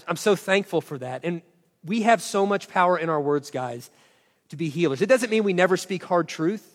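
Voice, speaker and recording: His voice high and echoing with long reverb in a big hall, a man in his forties performs a story from the stage. He voices every quoted line with lively, self-mocking flair.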